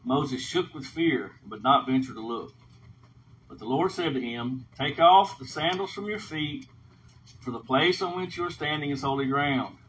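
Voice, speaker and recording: A man whose voice sits on the high side, slightly bright, reads aloud and explains at normal speed while leading an informal Bible lesson. He checks in often with "okay?", over a dull lo-fi recording with faint noise.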